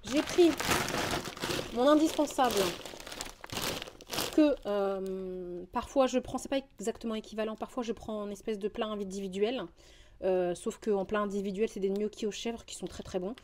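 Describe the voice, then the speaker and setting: A young French woman, chatting casually through a grocery haul vlog, rambling and quick to get indignant. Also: mid-range voice, background noise. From France. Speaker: vlogger.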